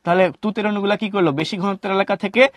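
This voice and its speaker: A young man teaching an online class in a Bangladeshi Bengali accent, with a fairly high voice, recorded close and dry with no room sound. He asks questions and answers them himself, drops English words into his sentences and answers student comments as he goes. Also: fairly even intonation, quick pace, dry recording. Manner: reads out student comments and replies.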